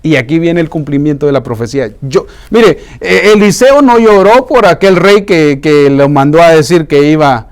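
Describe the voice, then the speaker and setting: A man preaching a sermon, animated and conversational, with humorous asides. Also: a little high, normal speed, few pauses.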